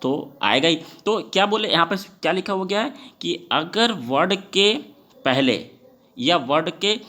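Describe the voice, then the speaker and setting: Man, teacher, animated intonation, quizzes students, drawn-out words for emphasis. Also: a little high. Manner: questions the class often and stretches words to stress sounds. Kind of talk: classroom lesson explaining to students.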